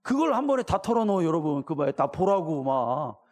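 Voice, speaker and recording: A middle-aged pastor preaches colloquially, questioning his congregation and acting out the voices of the people in the story. His voice is fairly high-pitched and darkish in tone, very animated and fairly quick.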